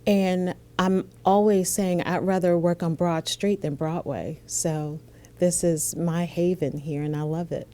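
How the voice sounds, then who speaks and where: Actress talking in an interview, mellow lowish voice, sounds really into it. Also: female voice, fairly even intonation, a little slow. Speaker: stage actor. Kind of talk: documentary interview.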